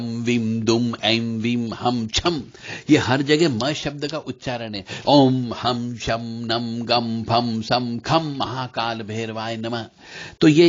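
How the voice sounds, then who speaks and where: A man teaching about mantras in a devotional lecture, speaking directly to listeners and chanting syllables slowly between explanations. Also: medium pitch. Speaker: spiritual teacher. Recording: slightly dull lo-fi recording.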